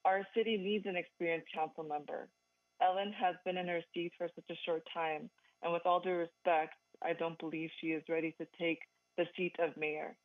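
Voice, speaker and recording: A woman calling in by phone to a council meeting, reading a firm, measured prepared comment. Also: lowish voice, steady tone, no room sound. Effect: calling in over a phone line. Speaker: public comment caller. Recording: dry, tinny phone line.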